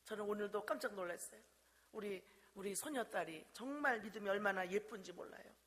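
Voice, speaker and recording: A woman's voice: medium pitch, a little fast, fairly bright tone. Older woman pastor preaching in a church. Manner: emphatic preaching, calls out hallelujah and prompts the congregation. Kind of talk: sermon. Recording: reverberant church hall.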